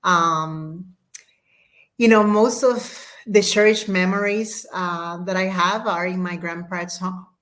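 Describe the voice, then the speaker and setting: A woman's voice: fairly low pitch, slow, a bit bright. Reflective woman guest. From Puerto Rico. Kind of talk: interview conversation.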